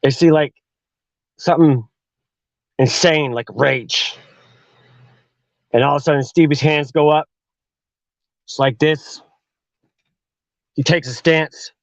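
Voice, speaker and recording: A man's voice: a little high, vocal fry, a bit bright, no room sound, dull audio. A man telling a horror story on his podcast in a profane, slangy way. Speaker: podcast host.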